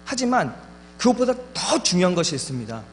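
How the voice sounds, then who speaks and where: Male preacher, animated sermon delivery, long reverb in a church hall, faint hum. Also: high voice, brisk. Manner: animated preaching with rhetorical questions. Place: church sanctuary.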